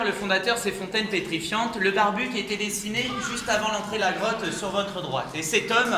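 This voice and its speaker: Male tour guide, high-pitched voice, explanatory group talk with rhetorical questions, recorded in a resonating stone gallery. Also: sharp tone. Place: echoing underground rock gallery. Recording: echoey cave gallery, clear background noise.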